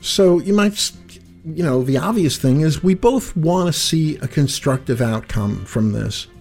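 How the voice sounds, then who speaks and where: Slow-paced male radio host. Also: on the high side, expressive, creaky, a little mellow, slightly rough, soft background music. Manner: measured, broken into short phrases. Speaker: radio call-in show host. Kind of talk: reflective advice talk to listeners. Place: radio studio.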